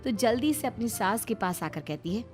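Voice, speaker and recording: A woman narrating a cartoon family story in an even, storytelling manner. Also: fairly high pitch, moderate pace, faint music behind.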